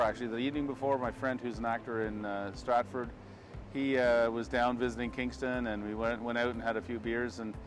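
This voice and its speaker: A man's voice: mid-range voice, rough recording. An older Canadian man telling anecdotes in a casual interview, with a rambling, folksy way of talking. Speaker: town crier being interviewed. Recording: clear outdoor street and vehicle noise.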